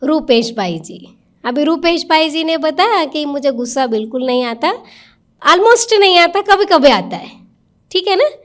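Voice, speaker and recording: A woman's voice: high voice, animated, measured pace, a bit bright. A woman giving an interactive spiritual talk to a live audience in a meditation centre hall, questioning people directly in a coaxing, conversational way.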